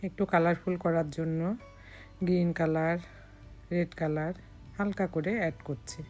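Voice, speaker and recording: Cooking vlogger, woman, low husky-hoarse voice, calm walk-through, soft music underneath. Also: moderate pace. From Bangladesh. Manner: calm step-by-step instructions. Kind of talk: recipe voice-over narration.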